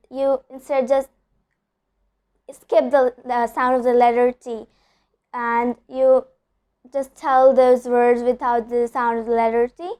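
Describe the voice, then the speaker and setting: A woman's voice: sits high, a little mellow, smooth. A young woman teaching English pronunciation in an online lesson, patiently repeating example words and checking in with "okay?".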